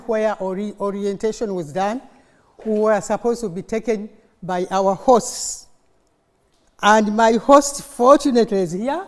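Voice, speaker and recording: This conference speaker is a mature woman, middle-aged or older, whose first language is Luganda and who speaks with a Ugandan accent. Her voice sits at medium pitch and her pace is unhurried. She tells stories with animation, prompting the live audience with questions for call-and-response, and the reverberant hall gives a long, echoey tail.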